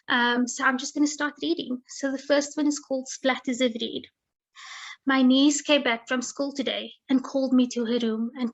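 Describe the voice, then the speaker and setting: A woman reading her own poetry aloud, measured and deliberate, over a video call. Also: sits high. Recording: muffled lo-fi video call audio.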